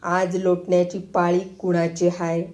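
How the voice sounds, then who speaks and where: A woman voicing a stern, quick-tempered male village schoolteacher who barks orders in rustic speech, in a storybook reading. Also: on the low side, monotone, darkish tone, natural voice. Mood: loud.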